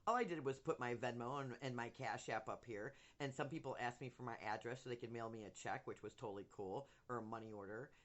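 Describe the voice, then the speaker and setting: A man's voice: medium pitch, fast, few pauses, fairly bright tone. A middle-aged man with lispy, slushy speech from missing teeth, rambling candidly and openly in a casual personal vlog. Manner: candid, rambling, emotionally open. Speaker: content creator updating followers.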